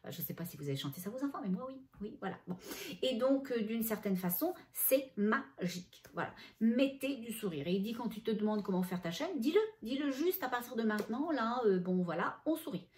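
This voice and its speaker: A middle-aged woman acting as a spiritual medium chats her way through a channeling session, relaying messages in gentle tones. Her voice sits on the high side, and she speaks in an animated, slightly fast way.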